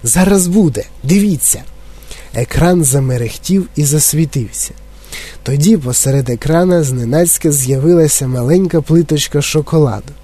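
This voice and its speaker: A man narrating a children's story aloud in a lively, expressive way. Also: fairly high pitch, moderate pace. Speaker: audiobook narrator. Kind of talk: storybook reading.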